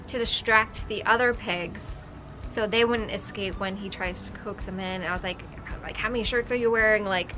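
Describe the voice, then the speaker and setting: Lively young woman telling a story. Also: medium pitch. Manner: lively, teasing, laughs. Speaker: homestead vlogger. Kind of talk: casual storytelling.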